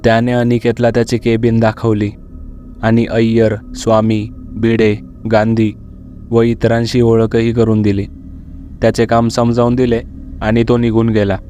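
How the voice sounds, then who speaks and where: A man narrating a horror story in a steady, measured reading. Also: medium pitch, faint music behind.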